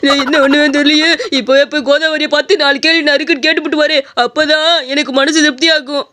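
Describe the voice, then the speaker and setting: A man's voice: very high-pitched, level tone, fast. A man voicing a dramatic, hot-headed, lovesick young man in a cartoon story. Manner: wailing, dramatic. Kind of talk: cartoon voice acting. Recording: audible background hiss.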